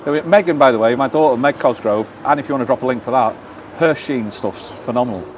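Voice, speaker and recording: Fast-talking man hosting a live stream. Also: mid-range voice, slight background noise. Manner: chatty, reads viewer comments aloud. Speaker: vlogger and live-stream host. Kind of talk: casual live-stream chat. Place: outdoors in a seaside town, then a lounge bar.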